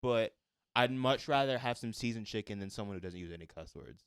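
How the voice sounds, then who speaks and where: A man's voice: lowish voice, a little fast, a bit bright, smooth, no room sound, clean studio sound. A young man co-hosting a podcast in casual chat, earnest and rambling, often correcting himself mid-sentence. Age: young adult. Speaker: podcast co-host.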